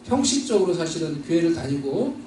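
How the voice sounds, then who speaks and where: A man from Seoul telling his own story in a sermon, earnest, with slow emphatic stretches. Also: on the high side, big pitch swings, a little mellow, slight background noise. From Seoul, South Korea. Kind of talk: sermon testimony. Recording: distant mic in echoey hall.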